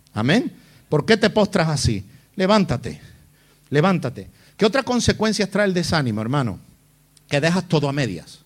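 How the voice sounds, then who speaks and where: A male pastor with a high, slightly bright voice preaches a sermon emphatically. He fires rhetorical questions at the congregation and mimics whiny voices mockingly to drive his point home.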